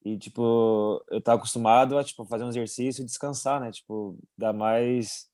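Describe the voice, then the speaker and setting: A man's voice: medium pitch, normal speed, dry recording, studio quality. A young Brazilian man, a goalkeeper, chatting casually in an interview and chuckling often. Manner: relaxed, chuckling, many fillers. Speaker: goalkeeper abroad, interview guest.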